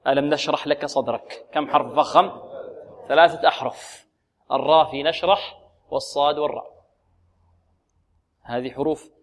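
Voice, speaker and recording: A middle-aged man with a slightly high voice teaches Quran recitation, patiently quizzing his students and drilling single letter sounds over and over for them to repeat. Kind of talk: tajweed lesson with call-and-repeat drills.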